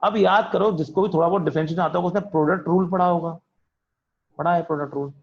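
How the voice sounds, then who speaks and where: A man's voice: a little high, steady tone, quick pace, lo-fi sound. A man teaching physics in an online class, asking questions and answering them in a student's voice, calling on students by name. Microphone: video call.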